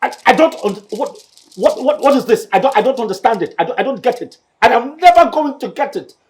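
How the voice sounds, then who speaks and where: A man's voice: extremely high pitch, animated, a little fast, darkish tone. An actor with a Nigerian accent playing a defiant young man who rejects a royal claim, agitated and repeating himself. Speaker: young man told he is a king's heir.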